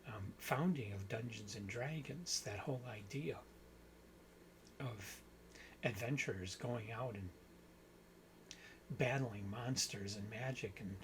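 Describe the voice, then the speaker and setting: A man's voice: medium pitch, a bit bright, slight background noise, poor audio. A man hosting a book channel, talking through a story in a casual, rambling way and correcting himself as he goes. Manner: rambling, self-correcting, thinks aloud.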